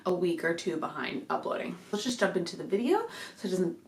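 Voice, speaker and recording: A young woman vlogs from home, chatting to camera about her pregnancy in a casual, rambling update. Her fairly low voice swings widely in pitch and moves fairly fast; she sounds a bit breathless, uses many fillers, and the desk mic picks up an echoey room.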